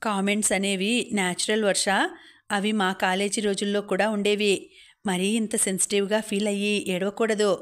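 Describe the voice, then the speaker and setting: A woman reading the part of a gentle hostel warden in an audiobook, speaking softly and in a measured way. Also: mid-range voice, flat delivery, natural voice. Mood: gentle advice. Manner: soft and measured.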